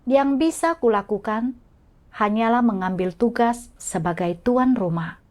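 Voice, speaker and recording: A woman reading a faith testimony aloud as scripted devotional narration, in a slow, measured and even manner. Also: a little high.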